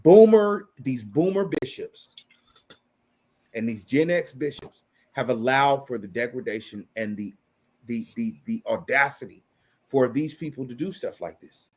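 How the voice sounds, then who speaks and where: A man's voice: mid-range voice, lively intonation, measured pace, a little mellow, a little hiss or hum. A man in his thirties delivering an impassioned opinion rant, blunt and profane, repeating phrases for emphasis.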